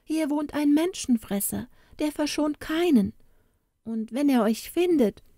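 A woman's voice: sits high, animated, unhurried, warm tone, no echo, clean studio sound, voice pushed up. A woman voicing a kind, bold young woman in a fairy-tale forest house, urgent and bossy. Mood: urgent warning.

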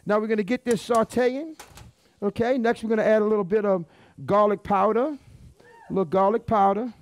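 A man's voice: high voice, fairly even intonation, fairly quick, no echo. A middle-aged cooking show host. He demonstrates like a folksy showman, chatting to the crowd with catchphrases. The sound is close and dry from a headset mic. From Louisiana. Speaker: chef hosting a live cooking show. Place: restaurant dining room stage, indoors.

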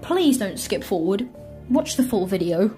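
A woman playing a horror game from her bedroom, with excitable, squealing commentary and sudden yelps. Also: medium pitch, a little slow. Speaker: gaming YouTuber. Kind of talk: excitable let's-play commentary. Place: home bedroom. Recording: faint game music behind.

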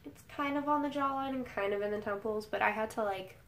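She talks fairly quickly in a voice on the high side: a young adult beauty vlogger, sick and nasal, chatting through a casual makeup tutorial in her bedroom. Her talk rambles, packed with fillers.

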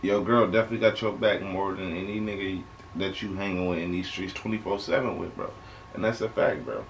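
A young American man with a fairly low voice gives casual reaction commentary from a bedroom. He talks in conversational slang and repeats lines for emphasis, over clearly audible background noise. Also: fairly even intonation, brisk, rough recording. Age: young adult. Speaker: reaction video host. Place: small bedroom indoors. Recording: clear background noise, home webcam recording.

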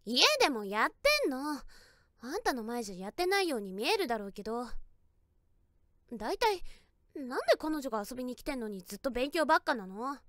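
A woman's voice: high voice, very animated, fairly quick, dry recording, studio quality. A woman playing a tsundere teenage girlfriend in a situation voice drama, snappy and pouting on the surface and shyly affectionate underneath. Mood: indignant, whiny. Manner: tsundere: snappy, pouting scolding that slips into shy softness. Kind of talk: Japanese situation voice drama, addressed to the listener.

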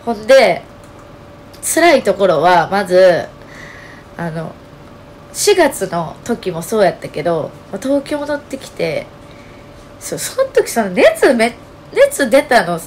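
A woman with a Kansai accent talking casually to her channel, her voice hoarse and nasal, telling her story with lots of fillers. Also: mid-range voice, takes it slowly, pauses often, a little hiss or hum. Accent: Kansai Japanese. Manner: chatty, animated storytelling with many fillers. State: hoarse, strained voice. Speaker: channel host. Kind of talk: casual solo vlog talk.

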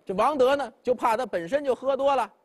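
A man's voice: extremely high pitch, a little fast. A man performing traditional Chinese storytelling, chatting directly with his listeners as he narrates. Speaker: pingshu storyteller.

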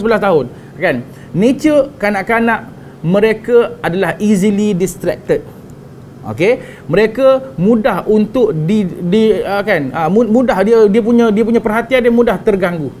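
A man's voice: high voice, darkish tone, a little hiss or hum. A young man with a Malaysian Malay accent giving a religious talk on parenting, chatty, with frequent tag questions and English phrases mixed in. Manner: conversational, frequent "kan?" tags and restarts. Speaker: religious teacher.

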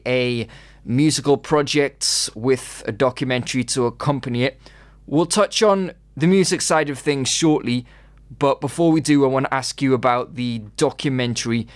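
A man hosting an interview, asking questions in a measured, formal way. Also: mid-range voice, no echo. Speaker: interview host.

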